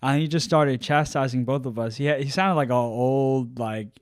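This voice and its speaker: A man's voice: mid-range voice, normal speed, dry recording. Casual man in his thirties, dry sound. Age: 30s. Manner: rambling anecdote with acted-out quotes. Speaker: podcast co-host. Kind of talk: casual storytelling chat.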